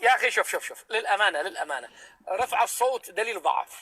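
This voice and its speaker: A man hosting a live online debate on a headset, pleading again and again for calm. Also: high-pitched, very fast, slight background noise. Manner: pleading, repeats calls for calm. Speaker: live stream host moderating a debate. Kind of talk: heated online debate moderation.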